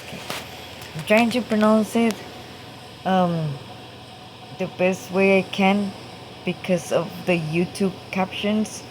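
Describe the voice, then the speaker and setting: A woman vlogger talking casually and hesitantly, with many pauses, fillers and restarts. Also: medium pitch. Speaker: gaming vlogger. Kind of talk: casual talk to camera. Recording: noisy room with air conditioning hum.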